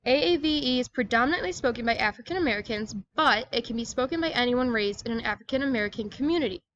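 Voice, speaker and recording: A woman's voice: on the high side, animated, fast talker, a bit bright, dull audio. A woman giving a scripted educational presentation, reading aloud in a plain, explanatory manner.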